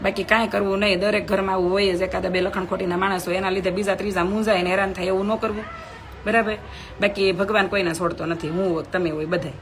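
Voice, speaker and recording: A woman's voice: mid-range voice, fairly even intonation, fast. A middle-aged woman, chatting bluntly with viewers on a phone live stream, scolding and preaching.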